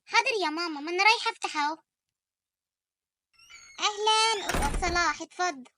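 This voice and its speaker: A young woman with an Egyptian Arabic accent voicing a jealous, scheming sister in an animated story, quick and sharp-tongued. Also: very high voice, background noise.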